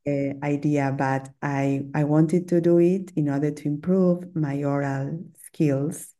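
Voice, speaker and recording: Speaking slowly in a low, mellow voice with a steady tone, this middle-aged woman from Argentina is a guest on a podcast. Spanish is her native language, and her accent is Argentine. The casual interview has her hesitating, restarting, dropping plenty of fillers and laughing a lot.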